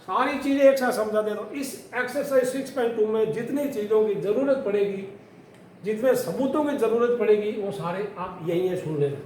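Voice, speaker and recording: High-pitched teacher in an echoey room. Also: male voice, a little mellow. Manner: reads English definitions very slowly, word by word. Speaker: math teacher. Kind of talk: classroom lesson mixing Hindi and English. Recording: echoey room from far off with faint noise.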